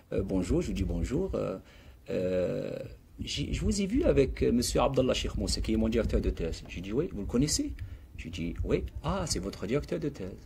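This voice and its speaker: A man's voice: fairly low pitch, creaky, slight background noise. A man, a guest author, talking in an interview, telling stories and reciting verse with animation. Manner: animated storyteller, quotes Arabic verse. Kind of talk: explanatory interview talk.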